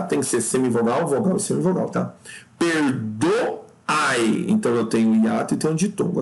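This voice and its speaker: A Brazilian man works through exam questions like a tutor, in a lively, explanatory teaching voice. He keeps checking in with "tá?", calls the listener "cara," meaning buddy, and his pitch leaps up whenever he hammers home a point.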